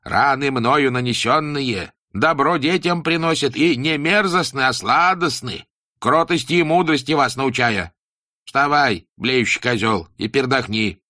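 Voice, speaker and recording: A stern, pompous schoolmaster from an old storybook, as a male narrator puts him on, pitched well above a plain voice and declaiming loudly. He lectures in slow, swinging rhymes with a bright, cutting tone. The sound is close and dry. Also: no echo. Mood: scolding. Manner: rhyming sing-song preaching, slow and emphatic.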